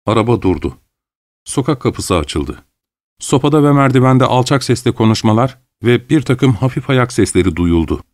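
A man narrating a story in a measured, unhurried way. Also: medium pitch, expressive, darkish tone, no room sound, studio quality. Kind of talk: audiobook narration.

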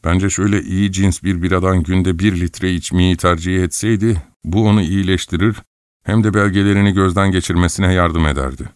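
A man's voice: sits low, fairly even intonation, fairly quick, clear, resonant tone, no room sound, studio quality, close to an everyday voice. A man voicing a fussy, obsequious middle-aged male clerk in an audiobook, with a deferential, eager-to-please manner.

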